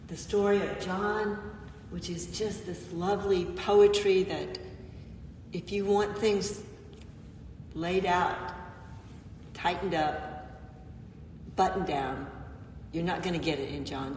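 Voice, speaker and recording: Preaching gently and without hurry, a female pastor leaves frequent pauses between her phrases, her voice sitting a little low. The distant mic in the church sanctuary picks up long echoes and a soft hum from the room.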